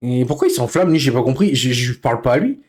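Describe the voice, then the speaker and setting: A man's voice: lively intonation, fast talker, a little mellow. A man live streaming in casual chat, venting with heavy swearing and breaking into nervous laughter as he reacts to comments. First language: French. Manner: bursts into nervous, high-pitched laughter.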